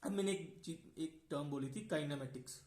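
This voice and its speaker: A man's voice: on the high side, brisk, a little mellow, echoey room. A man teaching a physics lecture. He goes step by step and keeps checking in with his listeners. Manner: explains step by step, often checks in with "है ना". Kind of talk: classroom lecture mixing Hindi and English.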